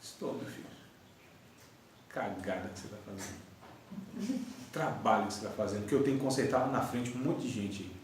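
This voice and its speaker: A patient, fatherly God voiced by a man speaks low and hushed, calmly correcting. The voice sits deeper than the speaker's own. It is caught from a distance in a very echoey room. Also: fast talker, a little hiss or hum, lightly acted. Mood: weary. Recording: echoey classroom from far off.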